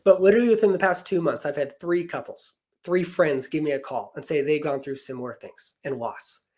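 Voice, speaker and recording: A man's voice: a little high, fairly quick, darkish tone. A man in his thirties, a podcast guest, earnestly telling an emotional personal story about loss and faith.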